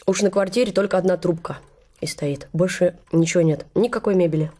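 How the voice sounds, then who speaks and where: A bustling older matchmaker gossips and flatters in a lively, exclaiming stream, as a woman plays her. She mimics the people she tells about. It is a stage play performance. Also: on the low side, fairly quick, natural voice. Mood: gossiping.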